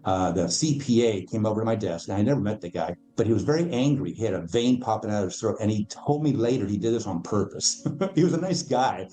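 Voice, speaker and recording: A man's voice: on the low side, expressive, quick pace, hardly any pauses, dark tone, faint music behind. A man, a podcast guest and financial educator, explaining in a casual interview, emphatic and acting out the people in his stories. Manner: emphatic storyteller, acts out quoted voices.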